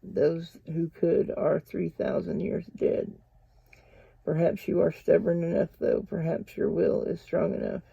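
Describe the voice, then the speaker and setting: Man voicing a calm, composed sorceress, gravelly tone, flat lo-fi sound. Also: lowish voice, measured pace, no room sound, exaggerated voice. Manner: calm, gentle. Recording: dull lo-fi dry recording.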